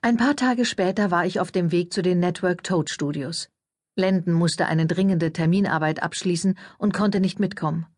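A woman reading a first-person audiobook in a calm, measured storytelling manner. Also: on the low side, no room sound, clean studio sound. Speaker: audiobook narrator.

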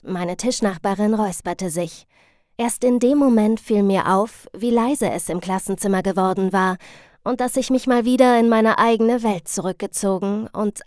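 A woman narrating a story in the first person, in a lively, wry storytelling manner. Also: mid-range voice, no room sound, clean studio sound. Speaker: audiobook narrator.

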